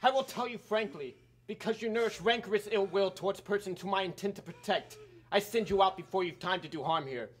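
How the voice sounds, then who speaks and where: A man's voice: high-pitched, fairly quick. A young man acting a stern, commanding king on stage, speaking harshly and with authority. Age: young adult. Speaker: student stage actor.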